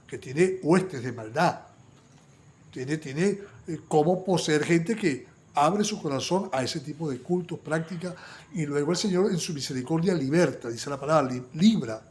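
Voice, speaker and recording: A male preacher with a fairly high voice delivers a fervent Bible study sermon. He stumbles into repeated words and restarts, then rises into loud, urgent stretches before dropping back to quiet, intimate asides. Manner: fervent, many restarts and repetitions, swings between loud bursts and quiet asides.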